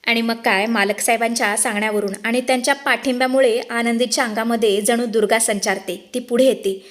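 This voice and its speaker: A woman narrating a TV serial recap in a lively storytelling manner, addressing listeners as friends. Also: a little high, brisk.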